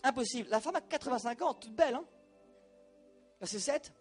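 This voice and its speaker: High-voiced animated preacher. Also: male voice, brisk, husky, faint music behind. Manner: animated, colloquial, addresses congregation directly. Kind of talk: sermon.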